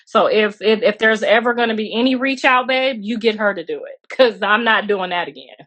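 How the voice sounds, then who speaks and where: Blunt, bright-voiced middle-aged woman. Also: medium pitch, a little fast. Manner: blunt, chatty, calls viewers girl and honey. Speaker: mother speaking on her own livestream. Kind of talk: casual livestream rant. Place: outdoors. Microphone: phone livestream.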